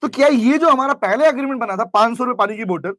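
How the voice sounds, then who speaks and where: A man teaching a class, lively, constantly questioning his students and acting out examples. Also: extremely high pitch, quick pace, no echo. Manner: lively, questioning students, mixes English terms into speech. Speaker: commerce teacher. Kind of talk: classroom lecture with role-play. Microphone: camera recording in class.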